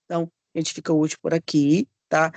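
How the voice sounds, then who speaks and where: A man's voice: fairly high pitch, level tone, a little mellow, dry recording. A friendly male instructor giving a live online lesson on early reading. He draws out letter sounds and sings syllables, and he keeps checking in with short tag questions. The sound is close and dry. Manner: drawn-out demonstrations of letter sounds; friendly, addresses listeners as dear ones. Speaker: literacy course instructor.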